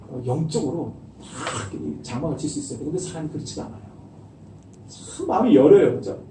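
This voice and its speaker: Animated male pastor in an echoey church. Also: on the high side, distant mic, a little hiss or hum. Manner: animated, acts out quoted voices. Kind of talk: sermon. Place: church sanctuary. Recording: echoey church hall miked from afar.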